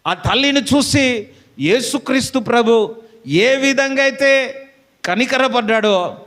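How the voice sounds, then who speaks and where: A man's voice: very high-pitched, expressive, takes it slowly, fairly bright tone, in a large hall. A pastor preaching a fervent sermon to his congregation, calling out amen and hallelujah again and again.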